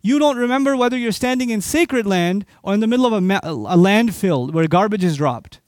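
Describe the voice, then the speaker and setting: A man with a high voice preaching a fervent sermon, turning to the listeners with pointed questions. The sound is dry and close, with no room echo. He is originally from Pakistan. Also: lively intonation, a little fast. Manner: impassioned, asks the audience rhetorical questions. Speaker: Islamic preacher. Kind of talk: sermon lecture to an audience.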